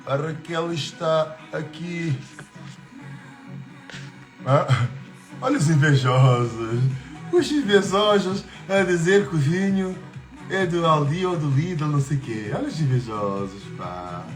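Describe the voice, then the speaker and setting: Man, high voice, swings up and down a lot, boastful, mixes in French, casual live stream. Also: animated, takes it slowly. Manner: boastful, switches between Portuguese and French. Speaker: livestreamer. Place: at home. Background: faint music.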